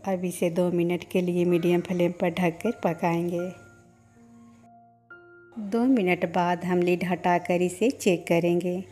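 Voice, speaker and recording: Soft music runs under the voice-over as a cooking channel host explains a home recipe step by step. Her voice is low, warm, and even in range, and her instructions come calmly and steadily.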